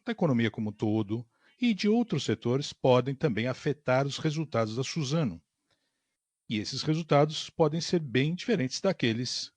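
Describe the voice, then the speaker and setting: A man's voice: medium pitch, no room sound. A Brazilian man giving formal scripted conference call announcements in a polite customer service voice, like an operator.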